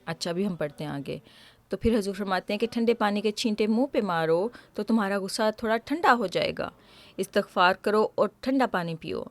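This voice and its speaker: Woman, children's show host, patient, teacherly, gentle explaining, mid pitch. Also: expressive, no room sound.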